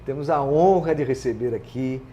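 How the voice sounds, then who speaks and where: A man's voice: medium pitch, moderate pace, dark tone, slight background noise. A man hosting a casual interview, full of joking banter. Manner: jokey, laughing banter. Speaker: host.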